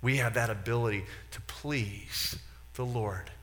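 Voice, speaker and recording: A male pastor preaching a sermon with passion, swinging from loud urging to hushed, near-whispered pleading. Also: medium pitch, measured pace.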